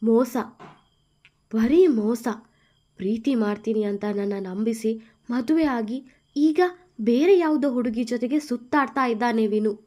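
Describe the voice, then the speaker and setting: A woman voicing a tearful, angry young wife who speaks loudly and emphatically. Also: fairly high pitch, measured pace. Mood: upset, angry. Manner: loud, emphatic, pleading.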